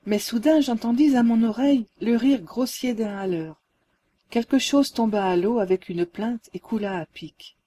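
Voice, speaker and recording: A woman reading a ghost story aloud as a calm, measured narrator. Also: fairly high pitch. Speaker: audiobook reader. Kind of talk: scripted narration.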